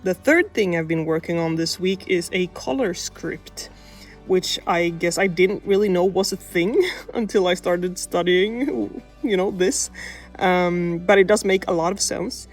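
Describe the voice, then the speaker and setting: A woman's voice: fairly low pitch, unhurried. A woman narrating a devlog in an informal, self-deprecating way, recorded close under a blanket on an older camera's mic. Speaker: animation student vlogger. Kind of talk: casual devlog voice-over narration. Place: under a blanket indoors, processed in editing. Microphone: older camera used as mic. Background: music.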